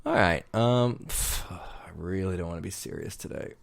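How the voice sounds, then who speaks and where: A man with a very low, deep voice co-hosts a podcast from home. He talks in a relaxed, joking way into a desk microphone. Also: normal speed, creaky. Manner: joking, playful. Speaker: podcast co-host. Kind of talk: casual chat. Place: home room with lights off.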